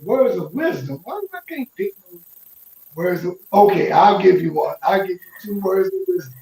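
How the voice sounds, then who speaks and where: Sixties man, high gravelly voice, playful preacher, heard from off-mic. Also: sing-song, moderate pace, a little mellow. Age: 60s. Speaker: guest minister and musician. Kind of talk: casual interview chat. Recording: echoey, distant from mic.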